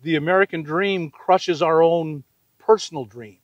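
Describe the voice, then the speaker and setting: Older male interviewer, fairly high voice, reflective, casual, dry outdoor recording. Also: a little slow, no room sound, lo-fi sound. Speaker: interviewer, host. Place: outdoors on open desert gravel lot.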